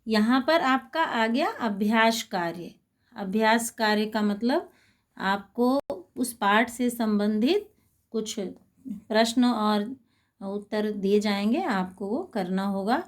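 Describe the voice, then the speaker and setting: A woman teaching a Sanskrit lesson to schoolchildren. She is patient and spells out words slowly, repeating them. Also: fairly high pitch, expressive. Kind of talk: slow explanatory lesson for schoolchildren.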